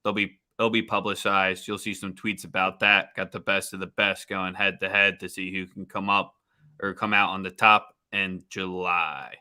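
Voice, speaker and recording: A man's voice: low-pitched, level tone, normal speed, sharp tone. A man co-hosting a casual sports betting show, talking loosely with jokes and slang. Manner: loose, joking, slangy delivery. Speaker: podcast co-host.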